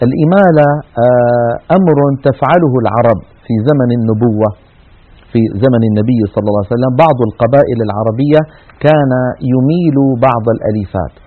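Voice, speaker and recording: Male recitation teacher, brisk lesson delivery, demonstrates sounds aloud, tinny lo-fi audio. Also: mid-range voice. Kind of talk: explanatory religious lesson. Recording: narrow phone-like audio.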